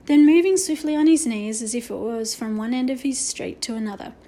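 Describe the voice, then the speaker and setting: A woman narrating a children's book in a steady, expressive storytelling manner. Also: on the high side, a little fast. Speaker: audiobook narrator.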